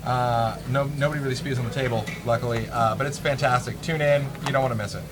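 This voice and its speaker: Fast-talking man calling poker, noisy room. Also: medium pitch, fairly even intonation. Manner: slangy, chatty. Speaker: poker stream commentator. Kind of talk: casual live poker commentary. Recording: noisy room with loud background ambience.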